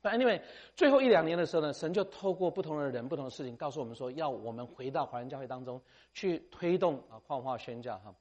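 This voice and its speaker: A middle-aged missionary preacher, his voice pitched a little high for a man. His delivery is highly animated and swings up and down as he talks. He keeps it conversational, sprinkling in English words and ending phrases with a friendly "ha". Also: fast talker, muffled recording. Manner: animated, tags sentences with "ha", mixes in English phrases. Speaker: missionary speaker. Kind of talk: sermon.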